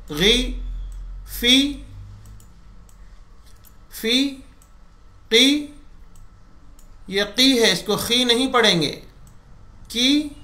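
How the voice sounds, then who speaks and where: A man teaching Arabic letter sounds in a recorded audio lesson, drilling syllables slowly with short instructions. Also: high-pitched, bright, forceful tone, roomy sound.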